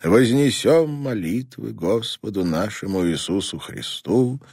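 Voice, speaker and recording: A man voicing a priest who slowly intones funeral prayers. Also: lowish voice, expressive, vocal fry, a little mellow, breathy edge, dry recording, studio quality, pitched above the performer's own voice, full character voice. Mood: intoning. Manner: slow, intoning. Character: solemn priest reading a burial prayer.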